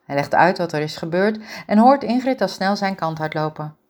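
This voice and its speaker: Woman reading a love story out loud, lowish voice, calm and steady. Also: normal speed. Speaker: narrator. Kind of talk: scripted narration of a romance story.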